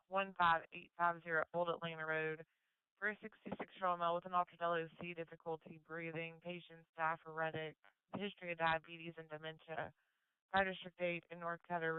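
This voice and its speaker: A man's voice: fairly high pitch, clean tone, no echo. A man dispatching fire and medical calls over radio in a formal, procedural manner. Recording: narrow-band two-way radio.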